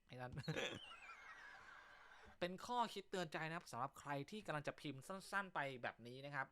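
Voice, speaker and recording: A man's voice: on the high side, expressive, brisk, noisy background. A male comedy host telling jokes in casual chat, teasing banter full of crude slang.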